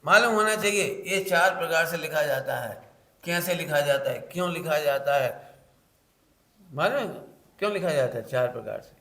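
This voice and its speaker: Male preacher, slightly high voice, teaching a congregation with playful acted examples, echoey hall. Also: expressive, normal speed, a bit bright. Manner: playful teacher, acts out examples, sings short lines. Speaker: Jain preacher.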